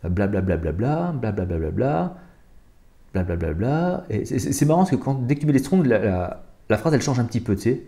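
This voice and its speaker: A man's voice: mid-range voice, lively intonation, quick pace, mellow. A man hosting his own channel, talking casually and thinking aloud as he looks up and compares scripture passages. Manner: colloquial, thinks aloud while looking up verses. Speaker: channel host. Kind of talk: casual spiritual commentary monologue.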